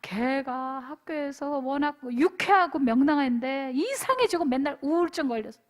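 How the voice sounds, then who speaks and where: A woman's voice: high voice, moderate pace. A woman pastor preaching a youth retreat sermon, telling stories, acting out what people said and calling out for amens. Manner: animated, calls for amens; storytelling, acts out dialogue.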